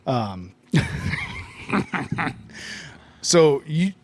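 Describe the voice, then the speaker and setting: A man's voice: a little high, very animated, drawn-out words. Rambling, laughing man podcast host. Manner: laughs often, rambling with many fillers. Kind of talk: casual chat.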